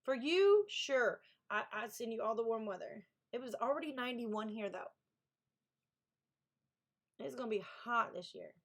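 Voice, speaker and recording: This woman, an author from Kentucky, speaks with a Southern accent in a fairly bright voice on the high side. At normal speed and with frequent pauses, she chats casually on a live stream about her books while thanking viewers and reading the chat aloud during her writing sprints.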